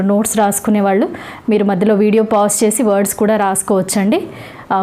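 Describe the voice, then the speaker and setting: A woman with a Telugu accent teaching a spoken English class. She explains in a quick, chatty way, then reads out a vocabulary list at a steady pace. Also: medium pitch, rough recording. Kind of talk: vocabulary lesson, reading word lists.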